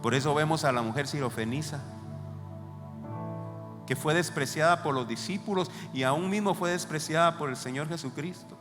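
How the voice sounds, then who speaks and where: A man's voice: on the high side, moderate pace. Fervent preaching man in echoey church. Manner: fervent preaching, addresses the congregation directly. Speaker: pastor. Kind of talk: Sunday sermon. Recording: echoey church hall with music behind.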